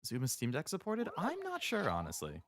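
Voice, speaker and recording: A man's voice: a little high, huge pitch swings, a little fast. A man giving casual live commentary as he streams a video game. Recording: game music behind.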